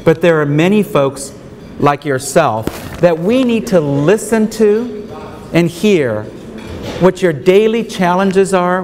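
Keynote speaker, middle-aged man, slightly higher voice, earnest and deliberate; podium mic, big echoing ballroom. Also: darkish tone. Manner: earnest, emphatic, repeats key points. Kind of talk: conference keynote lecture. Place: large hotel ballroom with seated audience. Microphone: podium microphone. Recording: reverberant hall, faint room noise.

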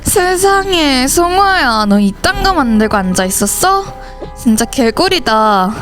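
High-voiced woman voicing a school horror story. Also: sing-song, measured pace, a bit bright, faint music behind. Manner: switches between several teenage schoolgirl characters in dialogue. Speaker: channel host and voice actor.

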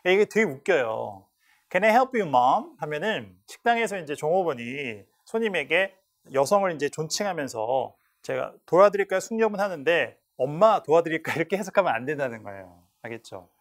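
A man's voice: a little high, sing-song, fairly quick. A man teaching an English test class in a lecture style, repeating words aloud to model how they are said. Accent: Korean. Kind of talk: lecture explaining listening questions.

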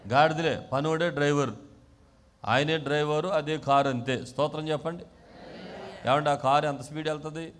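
A male pastor from Andhra Pradesh preaching a sermon, swinging from quiet talk to shouting and calling the congregation to respond. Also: on the high side, steady tone, moderate pace, a little hiss or hum. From Andhra Pradesh, India.

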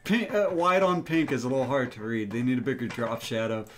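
A man's voice: medium pitch, fairly quick, fairly bright tone, slight background noise. A man hosting a let's play, reading a visual novel's text aloud with nervous asides.

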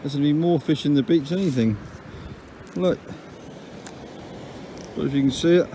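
A man's voice: a little high, normal speed, mellow. A man giving a casual, down-to-earth running commentary as he fishes from an open beach, filming on a phone he holds himself, with dry little grumbles along the way. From England. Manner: chatty, down-to-earth, matter-of-fact with dry grumbles. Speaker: angler filming his own fishing trip. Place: open beach by the sea, outdoors. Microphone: phone camera held by the speaker. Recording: outdoor phone recording with wave noise. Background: surf and wind.

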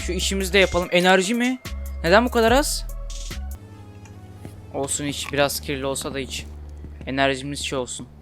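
Bright-voiced young man playing a game. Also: a little high, soft background music. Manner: chatty, quickly frustrated, swears at the game. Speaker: gaming YouTuber. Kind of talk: casual Let's Play commentary.

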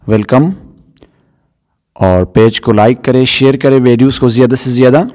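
A man teaching Quran reading, explaining Arabic letters step by step, mixing English words into his instruction and often checking in with "theek hai". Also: darkish tone. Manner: chants the letters in a high, drawn-out recitation voice. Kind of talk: Urdu lesson on Arabic letters.

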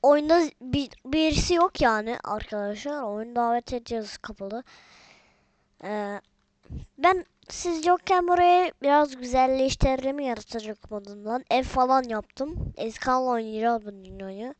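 A woman's voice: high voice, measured pace, no echo. A woman giving casual, chatty gameplay commentary from home, often addressing viewers as friends. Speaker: gaming video maker.

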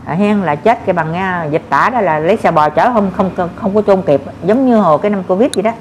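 A woman gives spiritual advice in a casual talk, calmly reassuring her listeners and repeating her points in a homely way. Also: mid-range voice, fast talker, a little hiss or hum. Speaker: spiritual adviser.

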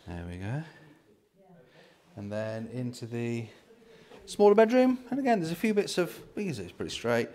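Holding his phone at arm's length in an empty house, a British man in his forties hosts a property vlog, explaining things casually to camera. He sounds warm and very animated, with a mid-range voice and moderate pace.

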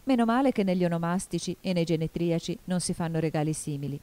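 A woman's voice: on the low side, quick pace, dark tone, lightly acted. A woman voicing a polite, earnest little girl in a storybook. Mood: puzzled.

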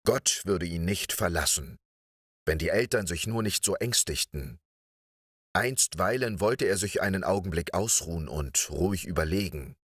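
Deep-voiced man reading a bedtime story. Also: slightly rough, no echo, studio quality. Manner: measured, calm. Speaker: audiobook narrator. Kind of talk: calm bedtime story narration.

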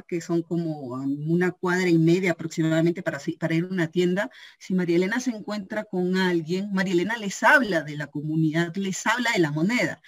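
A woman giving an informal training talk on a video call, telling lively anecdotes and acting out the voices of the people in them. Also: fairly low pitch. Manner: animated storytelling, acting out quoted voices, frequent "¿sí?" check-ins. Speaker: cooperative store member giving a training talk.

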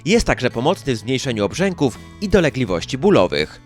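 A man's voice: mid-range voice, big pitch swings, a little fast, darkish tone. A man reading scripted news narration as the narrator of a local news chronicle. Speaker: newsreel narrator. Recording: music under the voice. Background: background music.

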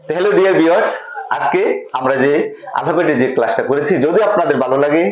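A man's voice: on the high side, rapid-fire, a crowd in the background. Echoey male teacher drilling pronunciation. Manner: repeats each point with question and answer drills. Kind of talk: classroom lesson.

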